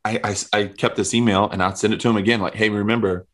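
A man with a somewhat low voice talks things through in a casual podcast conversation. He is an earnest worship leader who often repeats a word or two while he gathers his thoughts. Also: level tone, fast, a bit bright.

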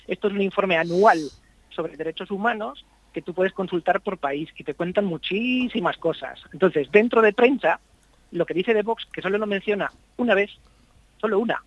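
High-voiced caller on a dull phone line. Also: male voice, normal speed, no room sound. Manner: confident, mocking, corrects the host. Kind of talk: phone-in call.

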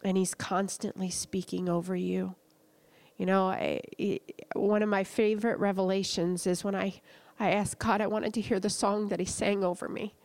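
A woman of middle pitch gives a devotional message in an earnest, gentle way. Her tone is that of a minister encouraging her listeners. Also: flat delivery, normal speed, creaky, dry recording. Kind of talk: devotional preaching.

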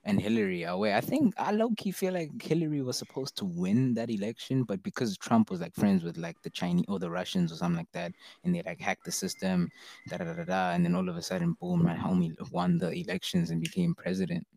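Young male, low gravelly voice, loose slangy conversational storytelling. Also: sing-song, fast talker, a little mellow. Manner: slangy, rambling storytelling, frequent "bro". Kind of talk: casual chat.

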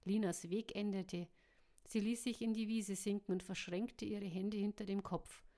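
A woman narrating a storybook chapter in a steady, even reading voice. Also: medium pitch, normal speed. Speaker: audiobook narrator.

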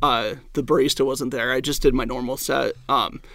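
A man's voice: mid-range voice, steady tone, normal speed, creaky, fairly bright tone, dry recording. A man, a stand-up comedian and the guest, telling a story in casual chat, rambling and filling his talk with "like" and "um". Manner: rambling, heavy use of "like" and "um".

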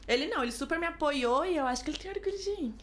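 A young Brazilian woman with a Brazilian Portuguese accent, chatting as a podcast guest and telling stories with lively acted-out quotes. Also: high voice. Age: young adult. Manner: rapid, animated storytelling with acted quotes. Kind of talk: casual podcast chat.

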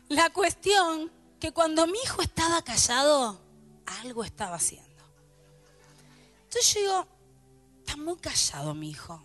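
A middle-aged woman pastor with a Rioplatense Argentine accent, telling funny stories to her congregation in an animated sermon. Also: mid-range voice. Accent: Rioplatense Spanish. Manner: animated storytelling, playful asides to the congregation. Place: church before a live congregation.

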